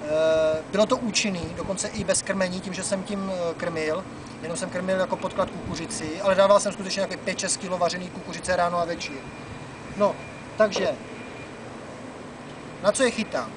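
A man's voice: sits high, fairly even intonation. A man in his thirties from the Czech Republic, chatting casually about fishing on a river dock, with lots of "eh" fillers. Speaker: angler and fishing vlogger. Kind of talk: casual outdoor fishing talk to camera. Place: outdoors on a wooden dock by a wide river. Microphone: camera mic from a few meters away. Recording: distant camera mic with outdoor noise.

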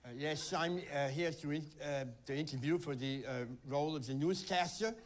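A man's voice: on the high side, normal speed. A man in a comedy sketch playing a bumbling newsreader, hesitant and stumbling over his lines. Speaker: improv performer. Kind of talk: comic newsreader audition.

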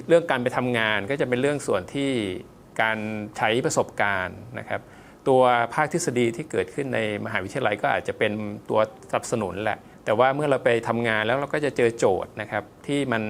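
A man's voice: mid-range voice, fairly bright tone, slight background noise. A man, a font designer guest, giving polite, step-by-step explanatory answers in an interview, with loose casual fillers.

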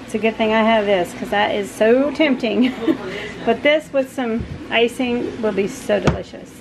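A woman's voice: on the high side, normal speed, background noise. A woman in her forties chatting casually on a home vlog from her kitchen, rambling and laughing often. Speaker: vlogger. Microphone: camera on the counter, sometimes handheld.

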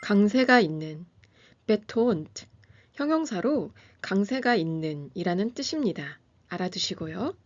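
A woman hosting a music lesson, reading a scripted lesson and pronouncing German terms slowly and carefully. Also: mid-range voice, big pitch swings, muffled recording, slight background noise. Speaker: piano teacher and channel host.

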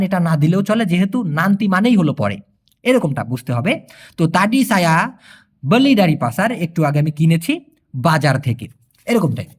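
A language teacher, explaining a lesson patiently and repeating phrases. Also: mid-range voice.

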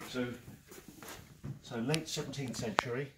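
An auctioneer with an English accent, in his forties, strolls a camera through a sprawling, cluttered saleroom, chatting eagerly and chuckling a lot. His mid-range voice keeps a fairly even intonation and a slightly slow pace. It's a casual walk-through captured by a handheld camera mic amid saleroom noise.

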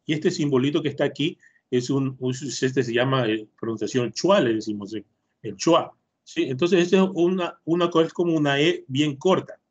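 A man's voice: mid-range voice, moderate pace, breathy edge. A man with an Ecuadorian Spanish accent teaching an online English class to children, patiently repeating words to drill their pronunciation. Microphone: computer mic on a video call. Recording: muffled lo-fi video-call audio.

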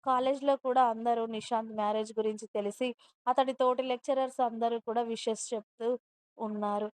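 A woman narrating a scripted story in a steady reading voice. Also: on the high side, brisk, smooth, no echo.

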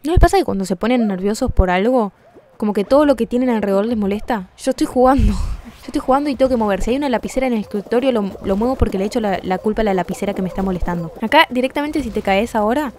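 Rioplatense woman streamer yelling at a game. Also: a little high, fast, a little hiss or hum. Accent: Rioplatense Spanish. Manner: swears and shouts at the game, chatty asides to viewers. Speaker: gaming streamer. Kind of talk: casual gaming commentary.

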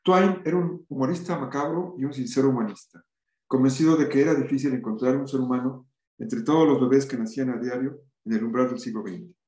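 In an echoey room, a middle-aged man gives a lecture over a video call in a mid-range, darkish voice at a fairly quick pace. He reads passages aloud, adds his own remarks, and occasionally restarts.

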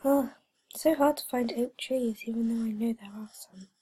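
Her voice is on the high side yet dark in tone, steady and at a moderate pace. This teenage gaming channel host rambles through laid-back gameplay commentary with plenty of fillers and frequent whispers, a bit stuffy from a cold. The home recording is noisy and clicky.

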